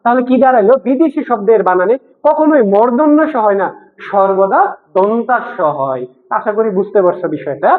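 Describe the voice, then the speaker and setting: A young male teacher walks students through a lesson, breaking words apart slowly and repeating them, then asking whether they follow. His voice comes through a narrow, phone-like channel. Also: high voice, expressive. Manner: explains slowly, repeating words and asking questions to check understanding. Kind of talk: classroom lesson.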